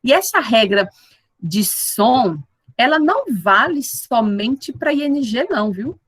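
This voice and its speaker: Woman, teacher, online lesson, slow, repeats words, dry sound. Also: on the high side, big pitch swings, slightly rough, no room sound, poor audio. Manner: explains slowly and repeats words for pronunciation; checks in with the class often with tag questions. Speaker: English teacher.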